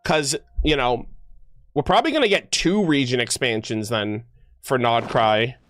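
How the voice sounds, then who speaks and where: A livestreamer hosting a casual chat speaks in an animated, medium-pitched, fairly bright voice at normal speed. He rambles while thinking aloud to his viewers, with music playing behind him.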